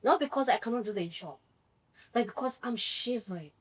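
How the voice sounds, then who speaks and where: A woman's voice: on the high side, expressive, fairly quick, breathy edge. A woman telling a personal story on a panel in an earnest way, quoting the people involved as she goes. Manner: earnest, storytelling, quotes others. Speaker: former trades student.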